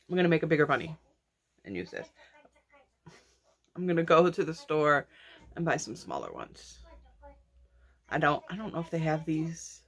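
A young woman with a low-pitched voice talks casually to her viewers about her crochet makes. She rambles and restarts her sentences often, in an easygoing home-vlog manner. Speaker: crochet vlogger. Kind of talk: casual chat.

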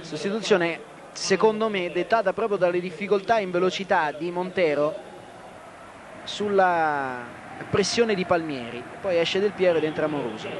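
A high-pitched football commentator speaks at normal speed over crowd noise. He calls the action live in brief, clipped phrases, naming whoever has the ball. The old broadcast is dominated by loud outdoor stadium ambience.

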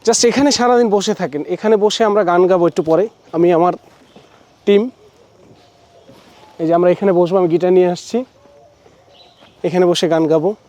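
A man from Bangladesh gives a chatty, casual walking tour in a high but mellow voice. He talks outdoors among forest trees and sprinkles in English words. He stops often to correct himself mid-sentence. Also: normal speed, pauses often. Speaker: travel vlogger. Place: outdoors at a forest riverside resort.

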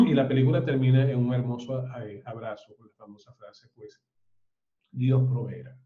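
A man hosting an online talk on a film, speaking reflectively and often repeating words as he searches for the next one. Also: mid-range voice. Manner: halting, repeats words while searching for them. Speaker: host discussing a film. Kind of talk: spoken film commentary and reflection. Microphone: online live stream. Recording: roomy, dull lo-fi sound.

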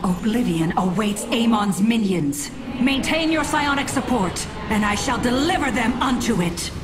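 A woman's voice: a little high, lively intonation, unhurried, very noisy. An actress playing a haughty, contemptuous female alien warlord in a video game, with a grand, commanding delivery. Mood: commanding, vengeful. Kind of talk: video game dramatic voice acting. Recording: game music loud over the voice.

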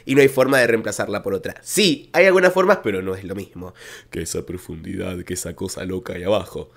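A man with an Argentine accent, a baritone vocal coach, chatting excitedly to viewers as he reacts to and analyzes a singing performance. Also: fast talker, gravelly. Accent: Argentine Spanish.

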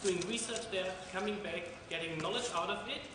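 A man's voice: high-pitched, a little fast. Young man, echoey lab. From Germany. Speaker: PhD student researcher. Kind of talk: interview statement. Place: laboratory indoors. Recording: echoey lab room with hiss.

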